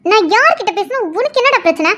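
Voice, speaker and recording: A woman voicing a feisty, defiant schoolgirl in a cartoon, giving sharp, indignant retorts. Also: very high-pitched, animated, quick pace, exaggerated voice. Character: feisty defiant schoolgirl, quick to fight back. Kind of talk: cartoon voice acting. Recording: dull lo-fi audio.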